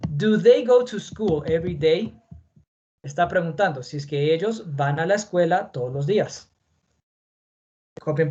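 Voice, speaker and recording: Patient male teacher with a higher voice. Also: a little mellow. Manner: patient, repeats points, checks in with "¿ya?". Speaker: English teacher. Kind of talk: classroom grammar lesson in Spanish. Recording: dull lo-fi sound with faint noise.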